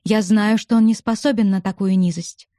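A woman's voice: mid-range voice, fairly even intonation, normal speed, dark tone, no echo, natural voice. Audiobook heroine read by a woman: loyal, upset young woman pleading, dry booth sound. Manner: pleading, emotional.

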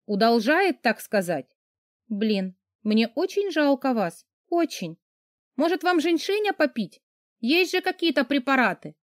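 A woman reading an audiobook, voicing a sharp-tongued young woman who speaks in a quick, teasing, mock-sympathetic way. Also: high-pitched, very animated, dry recording, studio quality, pitched above the performer's own voice. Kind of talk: audiobook character voice.

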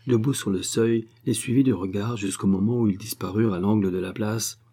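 A man reading a classic novel aloud in measured, even narration. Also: fairly low pitch, husky. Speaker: audiobook reader. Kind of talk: literary audiobook narration.

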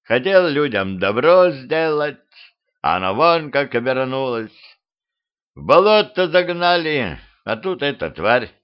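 A man voicing a gloomy talking skeleton stuck in a tree, speaking slowly with drawn-out, ominous words, on a dull lo-fi home recording. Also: medium pitch, very animated, smooth, voice pushed up. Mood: mournful.

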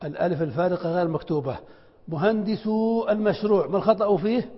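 A man's voice: high voice, fast talker, husky. A middle-aged man teaching a classroom lesson on spelling, asking students questions and then answering them himself. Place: lecture hall with students. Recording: dull lo-fi recording with long hall reverb.

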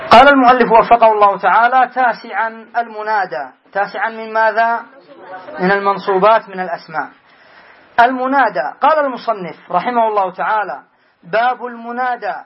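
A man's voice: high voice, fast talker, muffled recording. A man teaching Arabic grammar as a sheikh in a class, explaining patiently, repeating examples and quizzing his students.

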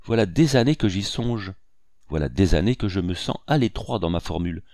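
A man voicing a vain, excitable painter in an audiobook, speaking in a grandiose, feverish way. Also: low-pitched, fairly quick, no room sound, studio quality.

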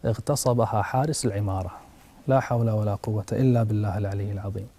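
A man's voice: fairly low pitch, fairly even intonation, quick pace, mellow. A male preacher giving a religious talk. He tells a story with passion, his voice rising sharply at the dramatic moments, and he speaks directly to his listeners as brothers and sisters.

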